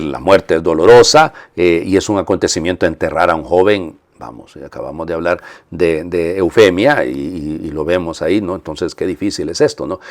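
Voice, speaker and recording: A man preaching a weekday homily as a priest, explaining in a conversational way, with many fillers and tag questions. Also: deep voice.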